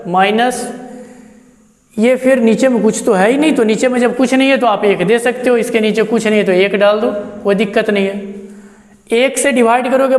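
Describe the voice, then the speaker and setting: A man with a high voice teaches a math lesson and walks through every step. He asks his own questions and answers them in a friendly, chatty tone. The room is echoey, with a long reverb trailing his words. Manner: chatty and encouraging. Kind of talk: classroom lesson.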